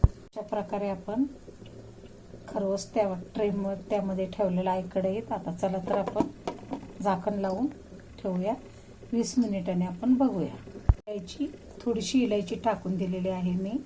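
A woman hosting a home cooking channel, calmly explaining each step of a recipe to viewers as she works in her kitchen. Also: mid-range voice, measured pace, pauses often, noisy background. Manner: calm step-by-step instructions to viewers.

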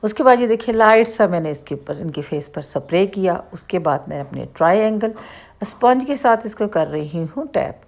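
A woman's voice: medium pitch, animated, normal speed, vocal fry. A woman with a Pakistani Urdu accent, a makeup artist who talks through each step of a bridal look in a chatty tutorial voice-over. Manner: chatty, explains each step as she goes.

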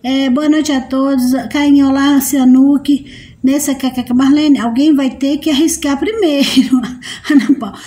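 A woman's voice: fairly even intonation, measured pace, mellow. A Brazilian woman hosting a casual live stream, chatting with viewers and often breaking into laughter. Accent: Brazilian Portuguese. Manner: giggly, bursts into laughter often; sweet high baby-talk to a pet.

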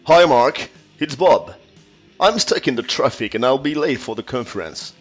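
A man leaving a voicemail over a phone line, talking slowly and reading out his number digit by digit. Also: medium pitch, expressive, faint music behind. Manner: slow, careful, reads out digits one by one. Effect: heard over a phone line.

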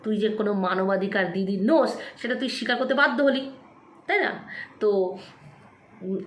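A woman's voice: mid-range voice, a bit bright. A woman vlogger delivering an angry, taunting rant straight to the camera, scolding and repeating herself. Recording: echoey room.

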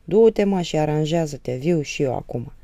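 A woman's voice: deep voice, lively intonation, warm tone, dry recording. Woman voicing an easygoing grown son.

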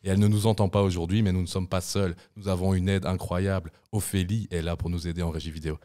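A man's voice: deep voice, flat delivery, fast, dark tone. A young man co-hosting a casual podcast in a studio, joking around and breaking into bits of song. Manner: playful, breaks into snatches of song. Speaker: podcast co-host.

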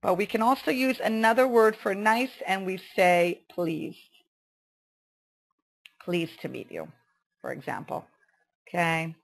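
A woman teaching an online English lesson, saying vocabulary slowly and carefully and saying "okay" often. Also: mid-range voice, gravelly. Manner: slow, careful pronunciation drills with many "okay"s.

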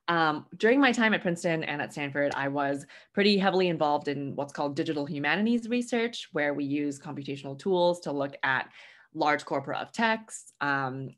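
A woman's voice: sits low, a bit bright. A young woman from Hong Kong presenting an online webinar lecture, friendly and full of "um" fillers. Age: young adult. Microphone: webcam mic at home, video call.

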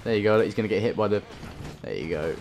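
Swearing, rambling lower-voiced gamer. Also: male voice, fast, creaky. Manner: swearing, rambling, self-talking. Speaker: let's play host. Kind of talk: gameplay commentary. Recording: voice under game noise.

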